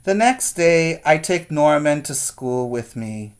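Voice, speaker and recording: A man working as a preschool teacher, reading a picture book aloud to young children with expressive emphasis and asides. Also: on the high side, slow pace.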